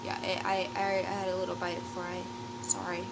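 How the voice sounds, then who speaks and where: A woman's voice: fairly low pitch, monotone, brisk, very noisy. A woman vlogger chatting casually in a rambling, sweary storytime, often trailing off and interrupting herself. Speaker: YouTube vlogger. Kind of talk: casual rambling storytime chat while eating.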